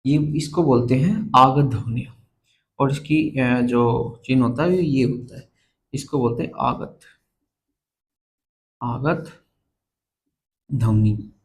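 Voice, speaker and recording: A male grammar teacher giving a blackboard lesson on letters, slowly repeating each term and asking the viewer to say it back. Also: mid-range voice, low-quality recording. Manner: slow, repeats terms and quizzes the viewer.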